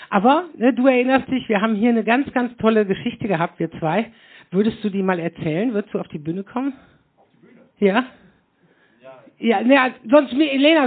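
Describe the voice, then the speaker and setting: A man hosting a live podcast on stage, talking in a rambling, chatty way and tagging his sentences with "ne?". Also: sits high. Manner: rambling, constant tag questions "ne?". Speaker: host of a live podcast show. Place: hall with a live audience. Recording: muffled phone-like live recording.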